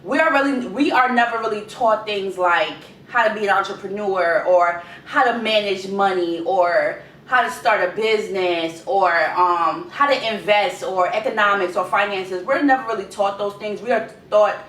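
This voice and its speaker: A woman's voice: moderate pace, hardly any pauses, a bit bright. A young adult woman with a Guyanese accent giving informal life advice in a conversational way, repeating key words for emphasis. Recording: echoey room, distant mic, rumbling noise.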